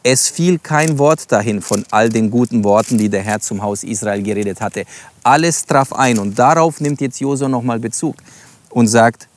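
A preacher teaches from the Bible in a sermon, reading verses aloud and explaining them. He has a mid-range voice at normal speed, stresses single words, and speaks directly to his listeners.

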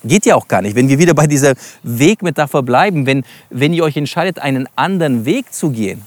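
A man's voice: medium pitch, animated, a little fast, no room sound. A man teaching from the Bible in a sermon, reading verses aloud and explaining them, stressing single words and addressing his listeners directly. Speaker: preacher.

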